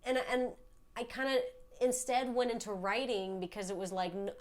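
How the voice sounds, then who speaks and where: A woman's voice: a little high, normal speed. A woman, a comedian and writer, talking as a podcast guest in a chatty way, with frequent filler words. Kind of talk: casual podcast conversation.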